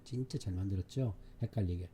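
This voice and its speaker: A man's voice: deep voice, fast, warm tone, a little hiss or hum. A man teaching an English exam-prep lesson, repeating key words emphatically and often checking that students follow. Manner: repetitive, emphatic, keeps checking understanding with the class. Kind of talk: exam-prep lecture explaining a reading passage.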